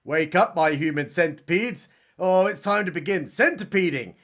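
A man's voice: sits high, normal speed, fairly bright tone. A man voicing a creepy mad surgeon who is gleeful and sarcastic. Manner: sarcastic, mocking.

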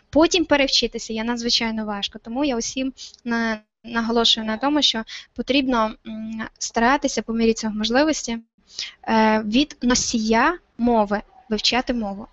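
Brief: woman from Ukraine, fairly high voice, halting with fillers, muffled lo-fi recording. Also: fairly bright tone, no room sound. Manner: hesitant, many fillers and restarts. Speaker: interview guest. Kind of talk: casual explaining talk. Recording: dull, lo-fi, dry sound.

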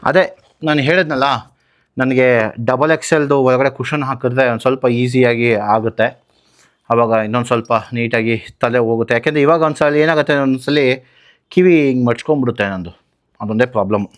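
Speaking a little fast at medium pitch, this Karnataka man hosts a motovlogging channel. He guides viewers through a practical tutorial casually, explaining by raising questions and answering them himself.

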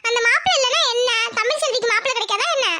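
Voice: extremely high pitch, bright, forceful tone, no echo. A performer voicing an outspoken village neighbor woman who urges the father home, in a cartoon. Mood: persuasive. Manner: brisk, persuasive.

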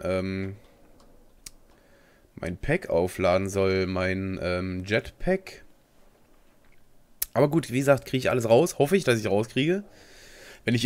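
A young man giving casual, rambling commentary as he plays a game, slangy and talking to himself. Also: mid-range voice. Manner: rambling and slangy, talks to himself while playing. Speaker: gaming video host. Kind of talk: casual let's play commentary.

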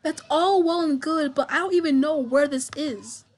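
A young woman streaming a game, reading its dialogue aloud and commenting, stammering and repeating words, with sudden excited bursts. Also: high-pitched, normal speed. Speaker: gameplay streamer. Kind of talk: reading visual novel text aloud with commentary.

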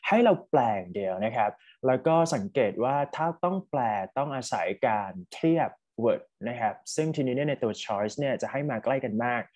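A man's voice: mid-range voice, a little mellow. A man with a Thai accent teaching a test-prep English lesson online, mixing English words into his Thai explanations and urging students to type their answers.

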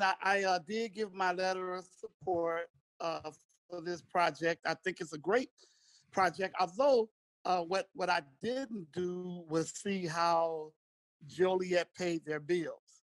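A man, a city council member, speaking into a meeting over a remote video call whose audio breaks up, talking haltingly and repeating words as he backs a project. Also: high voice, fairly even intonation, poor audio. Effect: remote video call link, audio breaking up.

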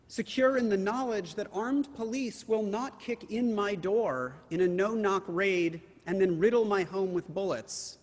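A man with a notably high voice delivers a sermon as a rabbi. He speaks in measured phrases and slows down to stress key words. His voice trails off into the long reverb of a large hall.

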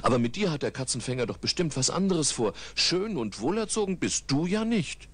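A man voicing a prim, easily shocked young female house cat in a storybook audiobook, in a high, indignant voice. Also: big pitch swings, a little fast, breathy edge, no room sound.

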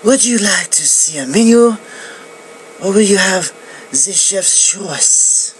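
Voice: mid-range voice, expressive, slow pace, slight background noise, voice pushed up, low-quality recording. A speaker voicing a charming, theatrical young male waiter with an accent in a class reading.

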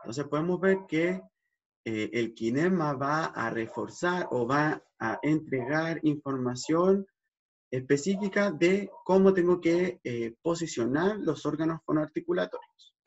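A man's voice: a little high, expressive, a little slow, creaky. A man, a speech therapist, explaining vowel gestures in a lesson, checking in often and demonstrating sounds with exaggerated articulation. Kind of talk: educational explanation. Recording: dull lo-fi recording.

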